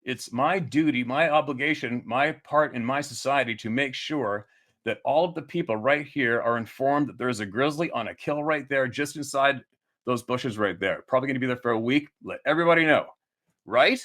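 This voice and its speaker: A man's voice: medium pitch, normal speed, fairly bright tone. A man giving a heated, profane monologue to his audience, growing angrier as he goes and often restarting his sentences. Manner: angry, profane, emphatic ranting; repeats himself and restarts mid-sentence.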